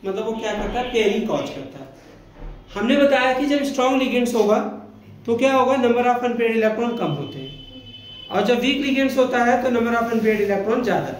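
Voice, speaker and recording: This very high-pitched, expressive man lectures on chemistry at a moderate pace in a classroom with noticeable echo. Asking questions and answering them himself, he warmly refers to the students as "beta."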